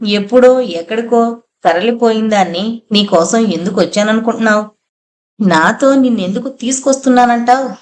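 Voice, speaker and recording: A seductive, possessive female spirit from an audio novel, as a woman narrator puts her on. She coaxes in a soft, whispery way, luring her listener closer. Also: fairly high pitch, moderate pace, close to an everyday voice.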